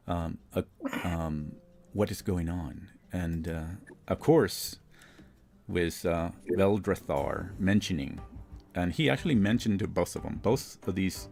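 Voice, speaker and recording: Man, game master, tabletop narration, deep voice, fry, faint music behind.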